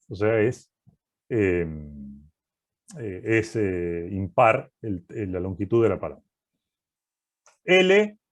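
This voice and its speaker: A man teaching a programming class, walking through code step by step and often checking that students follow. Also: medium pitch. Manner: methodical, keeps checking understanding with "¿sí?".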